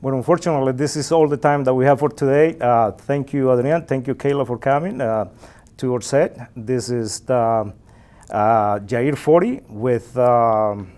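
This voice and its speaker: A man's voice: mid-range voice, moderate pace, a little mellow. A man hosting a small sports interview show, fumbling his words and laughing off slips. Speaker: talk show host.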